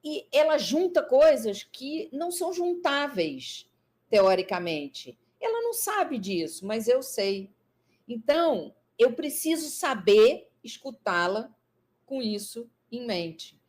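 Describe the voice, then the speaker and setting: A woman's voice: on the high side, slow. A woman with a Brazilian Portuguese accent, a psychologist guest explaining her ideas in a conversational talk, thoughtful and full of fillers and restarts. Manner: thoughtful, many fillers and restarts, lively emphasis.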